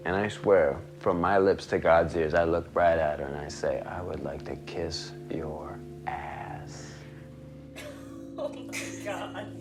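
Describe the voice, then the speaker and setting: Crude bragging raconteur, very low voice, unhurried, music bed under film sound. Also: male voice, very animated. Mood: boastful. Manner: crude, swaggering, confiding storyteller. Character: crude boastful man recounting his teenage conquest. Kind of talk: film monologue.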